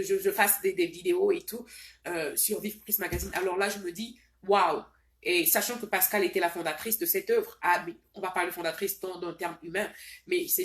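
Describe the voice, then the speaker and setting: A woman's voice: on the low side, poor audio. Fervent woman preacher, Ivorian French accent. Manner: fervent, swings from soft musing to loud urgent exhortation; repeats words as she searches for them. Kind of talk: live preaching and prayer exhortation.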